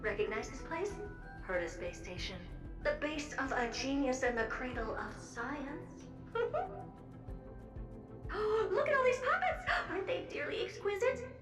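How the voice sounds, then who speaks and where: A woman's voice: sits high, a little slow. An actress voicing a playful, theatrical female storyteller in a video game, gushing and teasing. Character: playful fawning female host of a tale, theatrical. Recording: roomy echo, distant, with game music.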